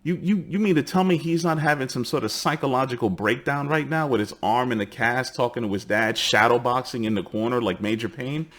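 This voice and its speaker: A man's voice: medium pitch, brisk, few pauses, a bit bright. A man in his forties with a New York accent, from the Bronx, hosting a heated, swear-filled commentary and acting out the people he quotes. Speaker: host. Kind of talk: profane ranting commentary.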